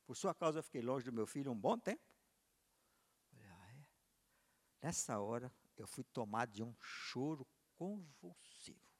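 A man's voice: medium pitch, sing-song, moderate pace, pauses often, breathy edge, in a large hall. A man preaching a sermon, telling a personal story and acting out its dialogue with big swings in voice and volume. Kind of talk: sermon with acted testimony.

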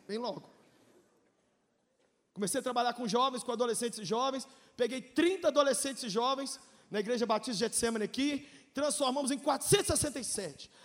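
Brazilian pastor in his 40s, really high voice, emotional testimony, yells then goes quiet. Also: long reverb tail. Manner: emotional storytelling, swings from shouting to hushed, joking. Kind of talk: testimony sermon.

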